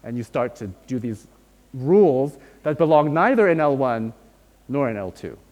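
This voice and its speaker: A man's voice: mid-range voice, expressive, normal speed, a little mellow. A male linguistics lecturer giving a university lecture, explaining patiently and checking in with his students. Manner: explains patiently, checks in often with "right?" and "okay?". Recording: long hall reverb.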